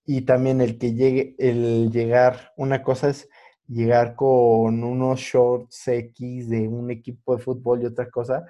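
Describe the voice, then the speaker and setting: A man's voice: medium pitch, completely flat delivery, unhurried, dark tone, highs cut off. A man with a Mexican accent chatting casually as a podcast host, using lots of slang and dropping English words into his speech.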